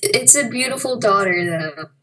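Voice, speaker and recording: A woman's voice: medium pitch, animated, normal speed, far from the mic, a crowd in the background. A woman chatting with friends and making dry, teasing remarks. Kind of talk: casual chat among friends. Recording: voice heard from away from the mic.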